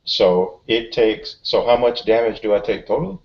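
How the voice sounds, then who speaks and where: A man with a deep voice talks casually as a tabletop game player. He explains things deliberately, and the sound is dull and lo-fi.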